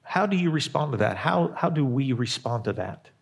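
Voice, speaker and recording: A male pastor preaching a sermon, repeating key phrases and dropping to a hush at times. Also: medium pitch, lively intonation, normal speed, gravelly.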